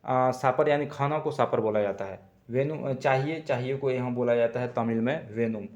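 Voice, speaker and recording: Halting Hindi-speaking male tutor. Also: medium pitch, a little mellow, highs cut off. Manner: halting, self-correcting, repeats words slowly. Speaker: language teacher. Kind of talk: casual spoken lesson. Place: Tamil-speaking region.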